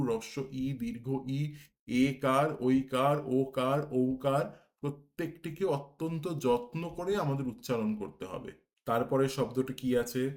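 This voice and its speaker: A man with a Bengali accent teaching Sanskrit pronunciation, explaining syllable length and slowly chanting lines of a verse. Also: mid-range voice, a little mellow. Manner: slow, drawn-out recitation of verse lines between brisk explanations.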